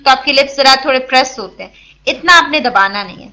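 A woman's voice: high voice, lively intonation, sharp tone. A woman teaching Quran recitation rules, patiently explaining and demonstrating sounds, often checking in with her listeners and mixing English words into her speech. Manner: checks in with listeners, asks and answers her own questions. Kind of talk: tajweed lesson, explaining and demonstrating.

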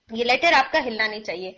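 A woman's voice: on the high side, sharp tone. A woman teaching recitation pronunciation, patient, drawing out sounds to demonstrate, with a sore throat. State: sore throat, clearing it often. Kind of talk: online pronunciation lesson. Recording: dull lo-fi recording.

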